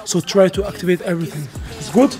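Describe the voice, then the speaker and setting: A man hosting a casual travel vlog, narrating with enthusiasm and tossing in "boom" now and then. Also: quick pace, darkish tone. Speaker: vlog host. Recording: music clearly underneath.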